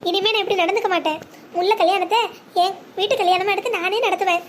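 A voice actor playing a remorseful young daughter-in-law in a family cartoon drama, speaking in a quick, chirpy manner. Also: very high-pitched, fairly even intonation, fairly bright tone, a little hiss or hum. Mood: apologetic.

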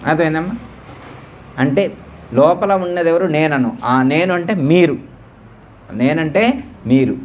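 Man, spiritual teacher, high voice, devotional discourse, repetitive, questioning. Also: lively intonation, a little hiss or hum. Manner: repeats words slowly, quizzes listeners with questions. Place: temple gathering.

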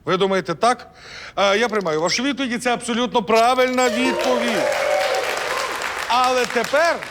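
A man's voice: very high voice, moderate pace, a loud crowd. A man hosting a quiz show in a playful, jokey, theatrical way. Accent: Ukrainian. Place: TV studio with audience. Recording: studio with long reverb and audience noise.

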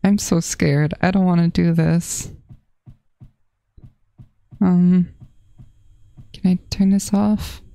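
With a fairly low, mellow voice, vocal fry, and a slow, steady delivery full of long pauses, this gaming channel host narrates her horror game run. Jittery, she keeps muttering panicked phrases to herself over faint background music, in a dry recording.

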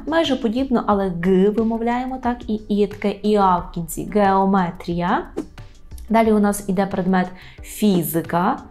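Brief: woman teacher for a video lesson, over soft music, says each word slowly, then repeats it. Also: mid-range voice. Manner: slow, careful repetition of each word. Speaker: language teacher. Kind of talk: online language lesson.

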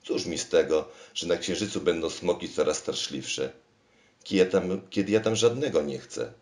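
A man's voice: low-pitched, normal speed, a little mellow, voice pushed up, close to an everyday voice. A man doing a fretful, anxious king. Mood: alarmed. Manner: fretful, exclamatory. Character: anxious male king, easily alarmed. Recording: roomy echo.

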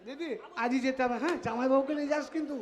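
A man's voice: extremely high pitch, fairly even intonation, rapid-fire, heavy background noise. An actor playing a brash young village man about to be married, cheeky and pleading by turns, in a live stage comedy. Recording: live stage with music and a crowd.

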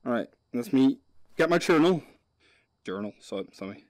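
A man's voice: medium pitch, animated, normal speed, dry recording. A man streaming a game with a teammate, swearing and laughing, casual chat.

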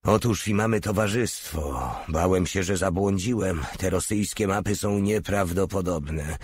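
A man voicing a calm, gruff veteran male tank commander in an audiobook, speaking tersely. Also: low-pitched, measured pace, dry recording. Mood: relieved.

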